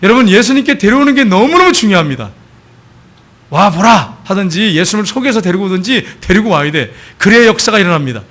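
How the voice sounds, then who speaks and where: Male pastor, middle-aged, sermon, high voice, quick delivery, storytelling with acted-out dialogue. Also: lively intonation. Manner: storytelling preacher, acts out quoted dialogue, rises to loud exhortations.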